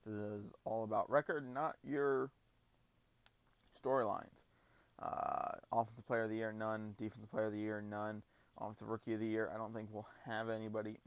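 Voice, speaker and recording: A man's voice: on the low side, clean tone, no echo. A man hosting a gaming video, talking through his football-game season in a laid-back, casual way and swearing now and then. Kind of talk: casual gameplay commentary.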